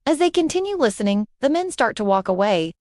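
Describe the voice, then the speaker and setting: A woman's voice: fairly high pitch, sing-song, a little fast, darkish tone, no echo, studio quality. A woman narrating a storybook and reading every part and cue aloud.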